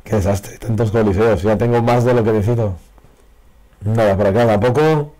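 Man, hoarse, losing his voice, excitable card game commentary. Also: on the low side, normal speed. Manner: excitable, reacts loudly to pulls. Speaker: card game video creator. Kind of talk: casual pack-opening commentary. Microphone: faulty broken microphone.

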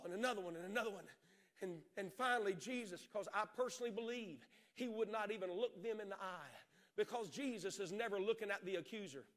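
A middle-aged man preaching an impassioned sermon on a large church stage, swinging from shouts to hushed storytelling. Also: extremely high pitch. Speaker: pastor.

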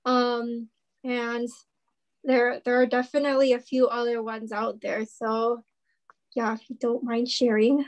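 A woman's voice: on the high side, little pitch movement, unhurried. A young woman chatting casually and gushingly in slangy speech as an attendee asking a question. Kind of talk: casual chat.

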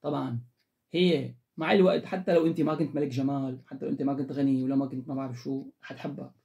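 A man's voice: medium pitch, fairly even intonation, rapid-fire, vocal fry, a little mellow, muffled recording. A man giving emphatic, lecturing advice straight to the camera as the host of an advice channel. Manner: emphatic, lecturing, repetitive instructions. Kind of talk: direct-to-camera advice monologue.

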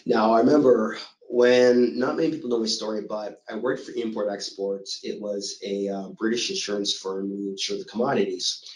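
A middle-aged man giving a motivational talk, telling his own story in a lively way and acting out what others said to him. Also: fairly low pitch, moderate pace, reverberant, rough recording. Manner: storytelling, animated, acts out quoted voices. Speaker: motivational speaker.

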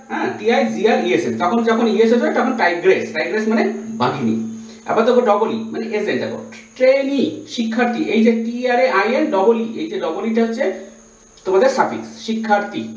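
A teacher giving a grammar lesson, explaining step by step and spelling out words letter by letter. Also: medium pitch. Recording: echoey room, voice from a distance.

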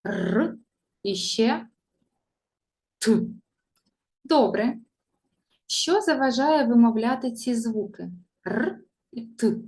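Slow, sing-song woman teaching children. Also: on the high side, expressive, a little mellow. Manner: models sounds for children to repeat. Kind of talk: primary school reading lesson.

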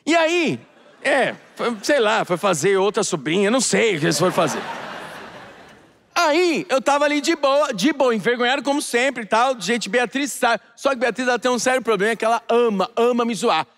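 Stand-up comic from Brazil, man with a very high voice, acts out every person in the story, stage mic. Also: lively intonation, normal speed, a bit bright, a little hiss or hum. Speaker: stand-up comedian. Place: theater stage before a live audience.

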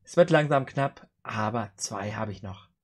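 This man, whose voice is lowish and expressive at an ordinary pace, hosts a joke challenge over a video call from inside a room. He reads out brief jokes and performs the dialogue in them.

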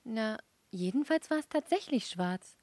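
A woman's voice: medium pitch, normal speed, a little mellow, no room sound, lightly acted. A woman voicing a dreamy young Martian wife who eagerly describes a strange dream.

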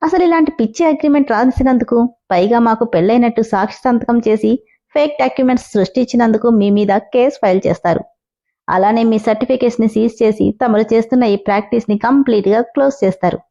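Cocky smug young guy read by a woman, highish, mellow tone, bit muffled. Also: fast talker, lightly acted. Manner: calm, teasing, self-assured. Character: confident scheming young man, mocking and cool.

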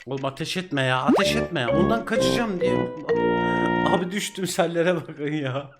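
A man's voice: fairly high pitch, lively intonation, moderate pace. A young man with a Turkish accent doing casual let's-play commentary, reacting with frustrated outbursts and exclamations. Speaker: gaming channel host. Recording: loud game music behind.

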